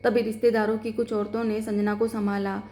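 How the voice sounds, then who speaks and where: A woman's voice: mid-range voice, little pitch movement, a little fast, mellow. A woman narrating a scripted emotional story and reading every character herself.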